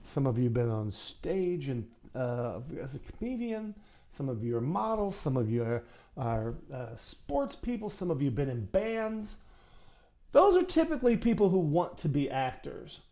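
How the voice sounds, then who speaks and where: Male acting coach, fairly high voice, very animated delivery, folksy and direct to camera. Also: normal speed. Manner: chatty, folksy, addresses viewer directly. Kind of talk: casual how-to talk.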